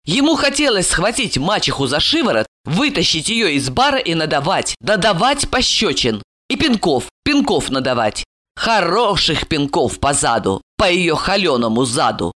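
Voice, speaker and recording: Expressive woman narrating an audiobook. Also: deep voice, normal speed. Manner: expressive, dramatic.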